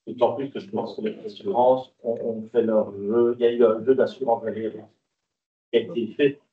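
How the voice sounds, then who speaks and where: A man speaking as a council member, hedging his points with repeated fillers, recorded with dull low-fidelity sound. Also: steady tone, moderate pace. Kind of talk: council debate.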